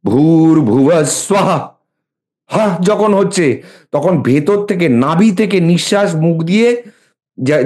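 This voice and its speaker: A man's voice: high-pitched, darkish tone. Emphatic man explaining mantras. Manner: chants mantras as examples, informal and emphatic. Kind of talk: casual explanatory talk.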